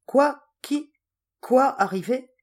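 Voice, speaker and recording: Woman reader as a guilty young man caught out; flustered, halting replies. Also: low-pitched, expressive, a little mellow, husky. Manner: flustered, stammering.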